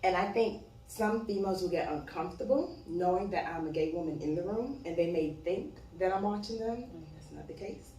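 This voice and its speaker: A woman's voice: fairly low pitch, brisk, mellow. A woman in her twenties from Miami, a model, chatting casually as a guest and laughing often. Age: 20s. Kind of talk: casual chat. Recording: echoey room, far from the mic, faint noise.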